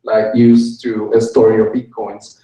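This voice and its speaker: A man's voice: on the low side, monotone, slow, warm tone. A middle-aged man giving an informal course lecture, peppering his sentences with "like" and "you know". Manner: says "like" and "you know" a lot. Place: indoor venue room with small stage. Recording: roomy echo, distant camera pickup.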